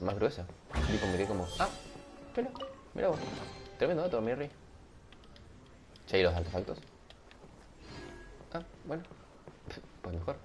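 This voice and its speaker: This streamer is a young man with a deep, darkish voice and a Rioplatense Spanish accent. Speaking into a headset microphone during a casual gaming livestream, he rambles, jokes around with viewers, and laughs at his own expense.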